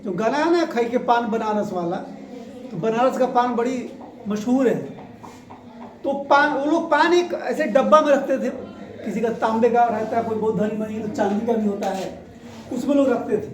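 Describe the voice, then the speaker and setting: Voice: medium pitch, normal speed. A teacher leading a grammar revision lesson, asking the class questions and repeating the key answers. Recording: echoey room, voice from far off.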